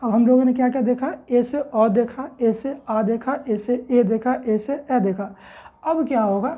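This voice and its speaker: A woman teaching English pronunciation in a classroom-style lesson, spelling words out slowly letter by letter and asking her own questions before answering them. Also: on the high side, dark tone.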